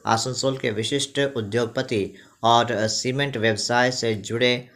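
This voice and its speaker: Bright-voiced male news narrator. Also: mid-range voice, unhurried. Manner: formal, even news-reading delivery. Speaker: news reporter.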